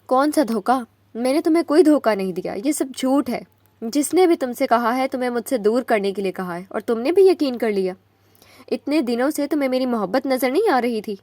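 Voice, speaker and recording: Woman voicing desperate possessive husband, urgent, forceful, dry close recording. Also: high voice, animated, no room sound. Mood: urgent pleading. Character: possessive young husband, pleading then angry.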